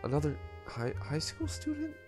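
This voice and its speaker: A man's voice: a little high, wildly swooping pitch, moderate pace, a little mellow, faint music behind, voice pushed up. A man voicing a flustered young woman.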